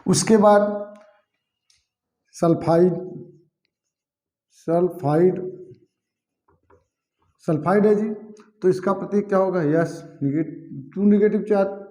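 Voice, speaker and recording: A man's voice: high voice, warm tone, roomy sound. A man teaching a chemistry lesson, who keeps repeating key terms and quizzing his students with "what will it be called?". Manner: addresses students as "bhaiya" and "ji". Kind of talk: classroom lecture.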